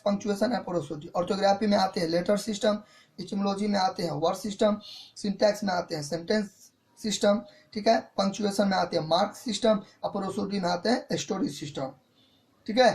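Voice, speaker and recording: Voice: medium pitch, a little mellow. A teacher giving an online grammar lesson, explaining step by step, repeating points and often checking in with the students. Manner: mixes in English terms.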